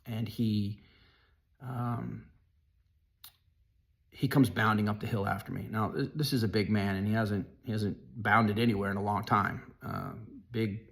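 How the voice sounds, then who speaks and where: A man telling a personal story in an earnest, halting way, often restarting his sentences. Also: fairly low pitch, steady tone, gravelly.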